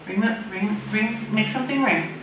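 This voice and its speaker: Halting woman in a noisy, echoey room. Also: mid-range voice. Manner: halting, repeats words. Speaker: psychic medium. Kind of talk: casual paranormal session talk. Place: indoors in hotel room. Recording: distant, echoey room, loud noise.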